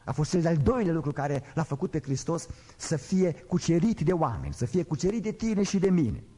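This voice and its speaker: A man preaching a sermon, swinging between loud emphatic declarations and quiet, low storytelling. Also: very animated, breathy edge. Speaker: pastor. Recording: long hall reverb.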